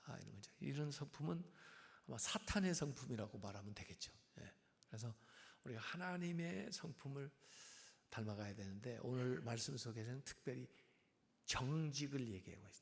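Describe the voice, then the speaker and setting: A male pastor giving a sermon, calmly explaining scripture verse by verse in a teaching tone. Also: medium pitch, vocal fry. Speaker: senior pastor. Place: church sanctuary. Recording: long reverb of a church hall.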